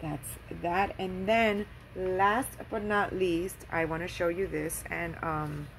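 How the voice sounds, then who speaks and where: A woman with a fairly low voice gushes over handmade craft gifts in a casual show-and-tell. She talks excitedly, with plenty of fillers along the way. A faint hiss sits under the home recording. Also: slow. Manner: gushing, excitable, with many fillers. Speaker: craft vlogger.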